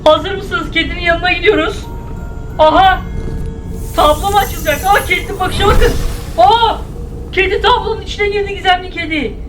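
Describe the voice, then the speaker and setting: A man giving excitable gameplay commentary, often breaking into shouted exclamations. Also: very high voice, moderate pace, over music. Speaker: gaming YouTuber.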